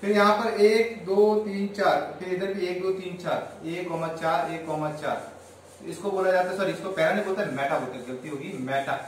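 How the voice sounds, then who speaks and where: A man's voice: sits high, fairly even intonation, moderate pace, slight background noise. A man teaching a chemistry class as a lecture. He counts aloud and asks the class questions, then answers them himself. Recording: very echoey room, voice far from the mic.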